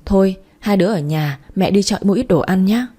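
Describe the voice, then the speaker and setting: A woman voicing a doting old grandmother who speaks gently and coaxingly in a storybook reading. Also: mid-range voice, a little fast, breathy edge, natural voice.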